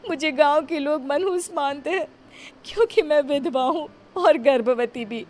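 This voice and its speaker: A woman's voice: high voice, normal speed, pitched above the performer's own voice, lightly acted. A woman voicing a poor, pregnant young widow who pleads in a tearful voice. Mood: pleading.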